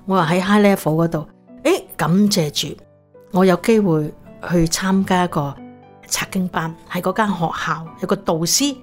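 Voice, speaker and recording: A woman from Hong Kong, a missionary, sharing her personal testimony as an earnest, animated storyteller. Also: lowish voice. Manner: earnest, animated storyteller with lively acted-out quotes.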